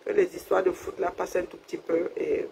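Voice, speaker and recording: A woman's voice: lowish voice, little pitch movement, brisk, gravelly, slight background noise, rough recording. Chatty woman hosting a livestream. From Cameroon. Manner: chatty, laughs often, thanks viewers warmly. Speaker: livestream host. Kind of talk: casual live chat with viewers.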